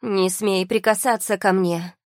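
A woman reading an audiobook voices a betrayed young wife, shouting and trembling with rage. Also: medium pitch, steady tone, a little slow, dry recording, studio quality, pitched above the performer's own voice, close to an everyday voice. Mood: furious.

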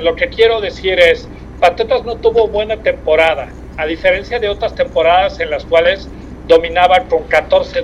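Un hombre con acento mexicano comenta deportes desde su coche por un teléfono móvil de línea crujiente y entrecortada, hablando pausado y con muchas muletillas. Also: male voice, high-pitched. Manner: measured, hesitant with many fillers. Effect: choppy, crackly mobile phone line. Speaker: sports commentator. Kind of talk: sports discussion chat. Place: in a moving car. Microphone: mobile phone. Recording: lo-fi breaking phone line, faint noise.

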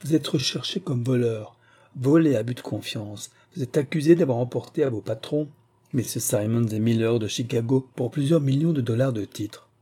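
A man's voice: medium pitch, normal speed, dark tone, breathy edge, natural voice. A man voicing a stern, confident male detective who speaks firmly and commands. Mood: commanding.

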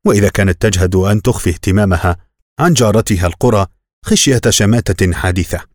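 A man narrating a novel as an audiobook in a measured, even reading. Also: fairly low pitch, dry recording, clean studio sound.

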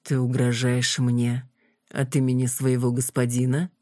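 A reader voicing a cold, mocking female vampire queen, speaking slowly and deliberately in a husky voice. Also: medium pitch, monotone, mellow, no room sound, studio quality, close to an everyday voice. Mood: menacing. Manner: slow, deliberate, commanding. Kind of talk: audiobook character voice.

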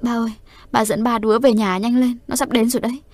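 A woman's voice: a little high, level tone, fast talker, a little mellow, dry recording, natural voice. A woman voicing a distraught middle-aged aunt who gives urgent, tearful orders in an audio horror story. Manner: urgent, sobbing commands. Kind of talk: storytelling voice acting.

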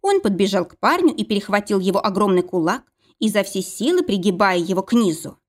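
A woman narrating a novel chapter in steady scripted storytelling. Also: mid-range voice, brisk. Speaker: audiobook narrator.

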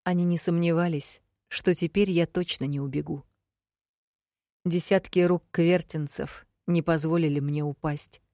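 A woman narrating a first-person fantasy audiobook in a low, unhurried voice. She reads with measured emotion, and the recording is dry and close. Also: steady tone, warm tone, no echo.

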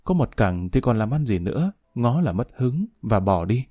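Man voicing frail young woman, pleading, weak, mellow tone. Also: medium pitch, very animated, moderate pace, no echo.

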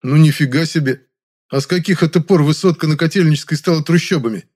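A man's voice: fairly high pitch, fast, darkish tone, pitched above the performer's own voice, close to an everyday voice. Man doing a dry, sarcastic young hero. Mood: sardonic.

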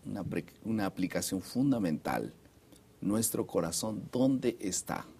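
A man's voice: lowish voice, lively intonation, a little slow, vocal fry, dark tone, slightly rough. A man leading a Bible study discussion, reading verses aloud and steering the talk to the next point. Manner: guiding, reads scripture aloud, moves the talk on. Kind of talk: casual religious discussion.

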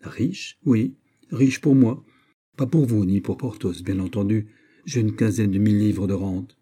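A man voicing D'Artagnan, an aging, proud and sly musketeer, in an audiobook reading, talking in a brisk, boastful way. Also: on the low side, mellow, husky. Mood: assured.

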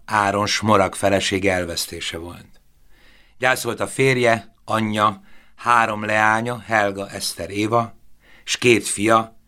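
A man narrating a novel in a measured, expressive audiobook reading. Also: fairly low pitch.

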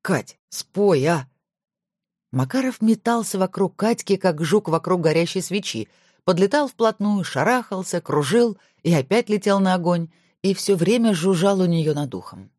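A woman narrating a novel aloud in an even storytelling manner. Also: fairly low pitch, moderate pace, no room sound, studio quality. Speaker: audiobook narrator.

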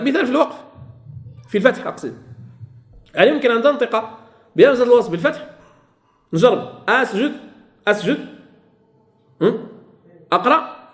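A man's voice: sits high, roomy sound. A man teaching a lesson on Quran recitation, often questioning his students and repeating key phrases. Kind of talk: classroom lesson.

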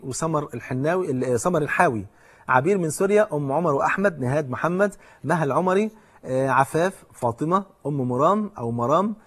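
A middle-aged man with an Egyptian Arabic accent, a preacher giving a religious lecture, reading out long lists of names and then exhorting his listeners. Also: a little high.

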